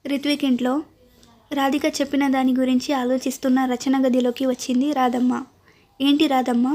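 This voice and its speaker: A woman narrating a family drama audiobook in a steady, even reading manner. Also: high-pitched, brisk. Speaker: storyteller.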